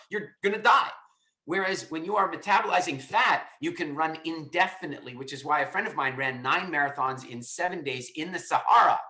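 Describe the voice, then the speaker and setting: A man based in Estonia hosts a live call, responding to a caller with emphasis, often repeating himself and starting sentences over. His voice is fairly high and bright, with a forceful tone and a roomy sound.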